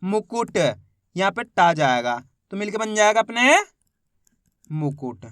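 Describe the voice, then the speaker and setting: High-voiced man sounding out syllables. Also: big pitch swings, a bit bright, smooth, dry recording, clean studio sound. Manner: sounds out syllables slowly, asks pupils questions. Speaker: Hindi reading teacher. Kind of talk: step-by-step spoken lesson.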